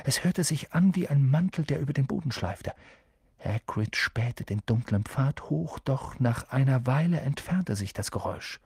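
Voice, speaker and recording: A man narrating an audiobook in a measured storytelling manner. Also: medium pitch, animated, darkish tone, slightly rough, no echo, studio quality. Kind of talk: scripted narration.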